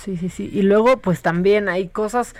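A woman's voice: medium pitch, normal speed, soft background music. A Mexican woman co-hosting a casual news chat, talking in a wry, chatty way. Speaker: co-host.

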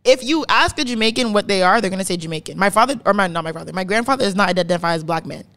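A Canadian woman in her twenties hosts a podcast, talking very fast and animatedly at medium pitch with a fairly bright tone. Her casual chat leans into opinionated explaining, emphatic and full of free swearing, and she repeats words for stress.

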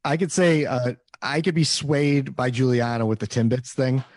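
A man's voice: medium pitch, fairly even intonation, normal speed, a little mellow, dry recording. A man hosting a casual chat, easygoing and opinionated.

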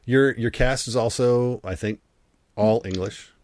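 An American-accented podcast host leads a casual interview, chatty and rambling, frequently restarting his sentences. His mid-range voice has a darkish tone and an unhurried pace, recorded with no echo.

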